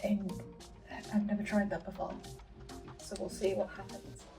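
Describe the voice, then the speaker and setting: A woman hosts a casual vlog about audio production, speaking at medium pitch with little pitch movement, recorded from a distance over music. She's chatty but rambling and halting, frequently breaking into her own sentences.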